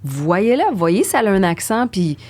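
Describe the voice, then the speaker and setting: Female guest, middle-aged, Québécois accent, mid pitch, brisk storyteller. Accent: Québécois French. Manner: brisk anecdotal, lively recounting. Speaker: guest actress. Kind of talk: casual conversation.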